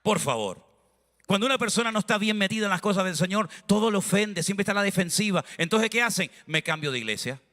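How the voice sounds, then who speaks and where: A man's voice: high voice, fast talker, a bit bright. A man from Spain with a Spanish accent, preaching a sermon as pastor in a church, acting out little dialogues with the congregation. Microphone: handheld microphone. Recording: long reverb of a large hall.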